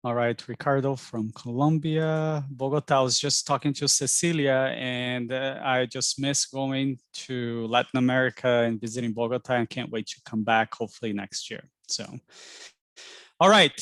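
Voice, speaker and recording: A man's voice: mid-range voice, a bit bright, no room sound. Chatty man hosting a webinar. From Brazil. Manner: chatty, friendly, frequent ums. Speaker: admissions director hosting an info session. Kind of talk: webinar presentation. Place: home pottery studio. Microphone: video call.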